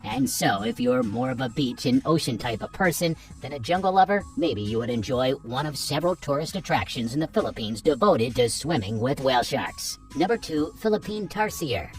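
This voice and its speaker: Lively nature documentary narrator, chatty countdown style, sounds a bit off the mic, music behind. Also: medium pitch, normal speed, hardly any pauses, distant mic. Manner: chatty, addresses viewers directly with playful asides. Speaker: narrator of a wildlife list video. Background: background music.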